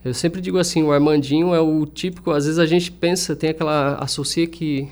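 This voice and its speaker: A man's voice: on the high side, fairly even intonation, fairly quick, darkish tone. A young man, a music teacher and singer talking earnestly as an interview guest, often restarting his sentences. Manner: earnest, reflective, with frequent restarts.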